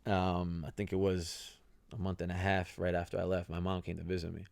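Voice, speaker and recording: Low, gravelly, and monotone, with a darkish yet clean tone, his voice moves briskly as this young former soccer player, an Italian-first-language podcast host, spins casual stories packed with fillers and "right?" tag questions. There's no room sound at all.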